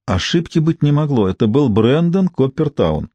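A man's voice: mid-range voice, big pitch swings, normal speed, dark tone, no echo, dull audio. Man narrating a wry first-person audiobook. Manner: dry, ironic storytelling.

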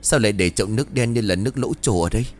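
A man's voice: lowish voice, rapid-fire, slight background noise, lightly acted. A man voicing a young man just woken from illness, confused and muttering. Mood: disgusted.

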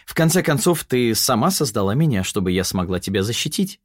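A man's voice: medium pitch, very animated, a little fast, dry recording, studio quality. A man voicing a cocky, scheming young woman who taunts her timid other self. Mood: mocking.

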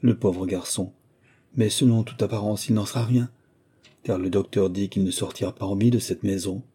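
A man's voice: on the low side, fairly even intonation, normal speed, dark tone, breathy edge. A man voicing a chatty, gossiping village innkeeper woman in an audiobook. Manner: gossipy, talkative.

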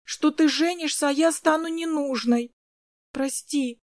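Woman doing a tearful little girl for an audiobook, high and pleading. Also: animated, measured pace, no echo, studio quality. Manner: sobbing, pleading.

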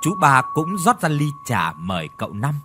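A man's voice: mid-range voice, normal speed, background noise. A man telling a scripted ghost story and reading every role with expression. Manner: expressive reading of all roles.

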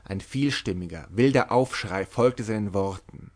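A man narrating a literary novel aloud in a measured, dramatic storytelling manner. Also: lowish voice. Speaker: audiobook narrator.

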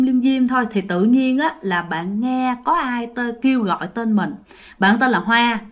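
A woman's voice: on the high side, fairly bright tone. A woman retelling a listener's ghost story in a chatty way, speaking straight to her listeners. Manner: chatty, addresses listeners directly.

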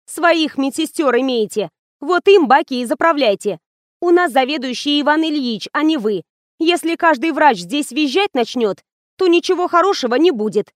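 A woman's voice: high-pitched, animated, normal speed, no echo, clean studio sound, voice pushed up. A woman reading an audiobook, voicing a young, sulky, snappish nurse with a whiny, rude manner. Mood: snapping. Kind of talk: audiobook character voice.

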